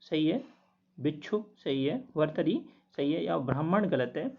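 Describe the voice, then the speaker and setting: A man working through quiz answers as a teacher, steadily repeating each word slowly to explain it. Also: fairly high pitch, expressive, gravelly, breathy edge. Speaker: Hindi test teacher. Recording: dull lo-fi recording.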